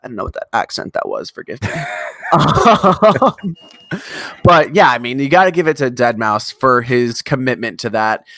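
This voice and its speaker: A man's voice: mid-range voice, a little fast, fairly bright tone, no echo. A man co-hosting a loose music podcast, rambling eagerly and swearing now and then. His voice sits in an ordinary middle range. The sound is dry and close, with no room around it. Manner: enthusiastic, rambling, swears casually. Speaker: podcast co-host. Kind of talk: casual chat.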